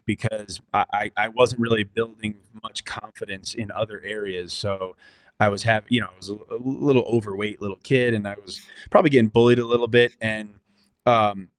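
A man's voice: fairly low pitch, a bit bright, no room sound, poor audio. A young man from Connecticut, a musician and podcast guest, chatting casually and rambling, with many restarts and self-deprecating asides, over a computer mic. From Connecticut, USA. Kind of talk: casual interview chat. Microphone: computer mic over remote call.

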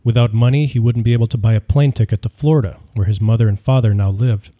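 A man reading a true-crime audiobook in scripted narration, measured and even. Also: mid-range voice.

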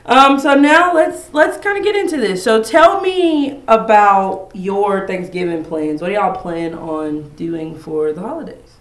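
A woman's voice: mid-range voice, expressive, measured pace. Upbeat woman host, casual interviewer, recorded in a reverberant room. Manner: upbeat, chatty Southern phrasing. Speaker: podcast host, school administrative assistant. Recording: echoey room.

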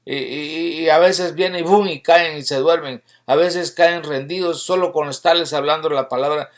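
Delivering a fervent sermon at a moderate pace, a man reads scripture aloud, his slightly high voice fairly even in intonation. Emphatic bursts break out between quieter passages.

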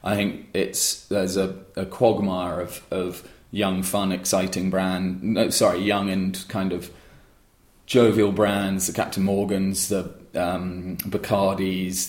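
In a conversational interview, a man with a deep, low voice talks at length about launching his own rum brand. His rambling answers keep restarting and are full of fillers, and the room rings with echo.

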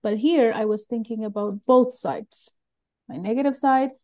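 A woman's voice: fairly high pitch, normal speed, warm tone. A middle-aged woman from Sri Lanka, a guest telling her story openly and earnestly in loose rambling phrases. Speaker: guest, learning method creator. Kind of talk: candid personal interview.

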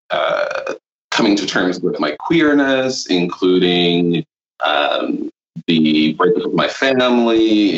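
A man from Honduras, a podcast guest, speaking reflectively and haltingly with many fillers. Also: sits low, fairly bright tone, reverberant, highs cut off. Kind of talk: podcast interview.

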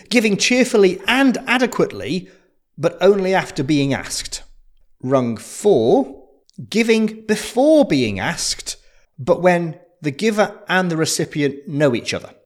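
Man, podcast co-host, casual chat, animated rise and fall, quick to laugh. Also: on the high side. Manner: lively, laughs easily, self-deprecating.

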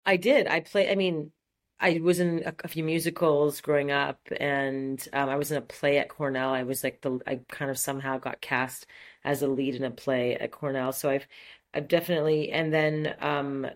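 In a relaxed interview, a Montreal woman in her forties whose first language is French chats eagerly, often using fillers and starting over. She has a deep voice, a steady tone, and speaks at normal speed.

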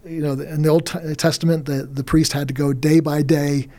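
Earnest middle-aged man, higher-pitched voice. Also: little pitch movement, normal speed, dark tone. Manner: earnest, with frequent restarts and repeated words. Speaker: guest minister. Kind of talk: faith interview, earnest testimony.

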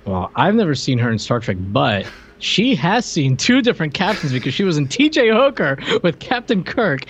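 A podcast co-host bantering casually about a film, this man makes joking, wry remarks in a fairly high voice with big pitch swings at a normal speed. The recording is muffled, with noticeable background noise.

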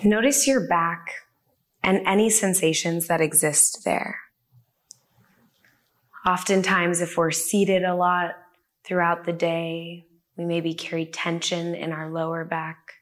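Slow, soothing woman guiding a meditation. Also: lowish voice, fairly even intonation. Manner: slow, soft and soothing, with long pauses. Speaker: meditation guide. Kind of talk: guided body-scan meditation. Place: a room with the listeners present.

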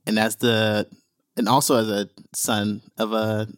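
Male podcast host, lowish voice, dry close sound, friendly and upbeat. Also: level tone, measured pace, clean tone, no room sound. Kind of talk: conversational interview.

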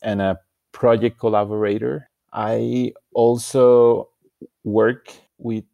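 A man's voice: medium pitch, flat delivery, slow, creaky, mellow, dry recording, muffled recording. A man from Rica, giving easygoing, unpretentious answers as a guest in an interview. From Costa Rica. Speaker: guest conservation scientist.

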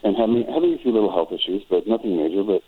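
An older man from Wisconsin, a guest musician and choral director, talks in a radio interview with a very low voice that sounds thin and tinny, as if over a phone line. He's expressive and rapid-fire with a breathy edge, reflective and rambling, and often restarts his sentences.

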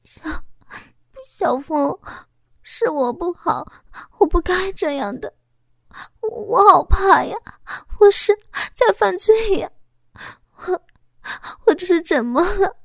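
A woman's voice: very high-pitched, expressive, slow, vocal fry, pauses often, no echo, studio quality, pitched above the performer's own voice, full character voice. A woman voicing a married woman torn by guilt, crying and stammering her pleas. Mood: distraught.

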